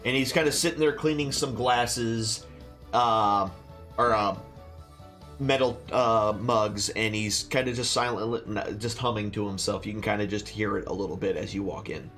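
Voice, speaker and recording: Halting, casual male game master. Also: lowish voice, a bit bright, soft background music. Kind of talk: improvised tabletop game narration.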